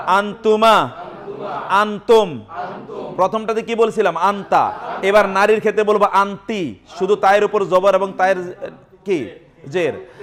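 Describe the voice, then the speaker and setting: High-voiced man drilling a class. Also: fairly bright tone. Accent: Bangladeshi Bengali. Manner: quizzing with repeated questions, drilling words aloud. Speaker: Arabic grammar teacher. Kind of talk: classroom teaching with call and response drills.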